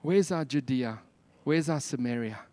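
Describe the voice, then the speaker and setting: A man's voice: medium pitch, normal speed, warm tone, dry recording. A man with a South African Afrikaans accent preaching a sermon, emphatic, with repeated phrases and rhetorical questions.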